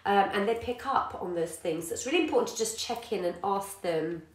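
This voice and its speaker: A yoga teacher and parent chats casually with live viewers in an echoey room, warm and encouraging, greeting people by name and saying "um" a lot. Her voice is medium-pitched, expressive, and a little fast.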